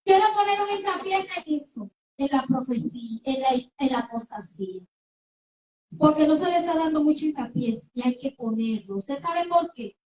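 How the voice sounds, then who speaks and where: A woman preacher with a high voice delivers an emphatic sermon full of rhetorical questions. She is heard from some way off the microphone. Her voice rings through an echoey church room. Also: animated, moderate pace, darkish tone. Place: church sanctuary. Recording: echoey room, voice from far off the mic.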